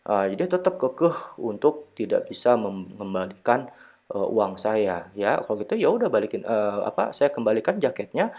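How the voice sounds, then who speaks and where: A man's voice: mid-range voice, lo-fi sound. A male university lecturer giving a recorded online lecture in a conversational way, full of fillers and rhetorical questions.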